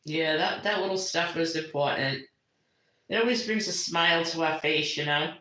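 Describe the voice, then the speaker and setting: A woman's voice: sits low, normal speed, sharp tone. Laughing, chatty woman live-streaming from home. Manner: chatty, laughs often, reminiscing. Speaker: livestream host. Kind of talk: casual live-stream chat with viewers. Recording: roomy echo.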